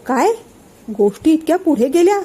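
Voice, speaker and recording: A woman's voice: sits high, sing-song, normal speed, dark tone, pitched above the performer's own voice. A woman voicing an angry, suspicious young man who keeps firing accusing questions. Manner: accusing, hot-tempered questioning.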